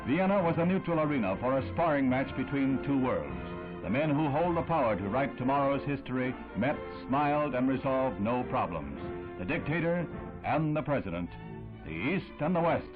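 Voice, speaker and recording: A man's voice: mid-range voice, animated, normal speed. A man narrating an old newsreel in a solemn, emphatic, dramatic way. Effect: old newsreel sound. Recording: tinny old newsreel audio with music.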